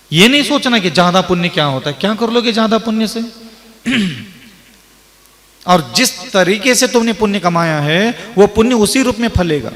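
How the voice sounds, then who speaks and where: Man, monk giving a sermon, fairly high voice, long reverb, repeats phrases in lists. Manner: animated, acts out the voices of devotees and grain. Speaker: Jain monk preacher.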